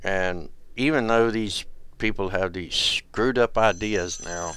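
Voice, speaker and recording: A man hosting his own video, talking in a meandering casual monologue that repeats itself and trails off softly. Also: on the low side, slow pace, slight background noise. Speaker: conspiracy video host.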